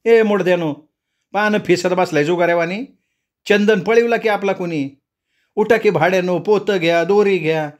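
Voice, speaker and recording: A man's voice: a little fast, darkish tone, lightly acted. A man voicing a fiery middle-aged village mother who curses and orders her children about in a storybook telling. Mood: angry scolding. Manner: shrill, cursing, bossy.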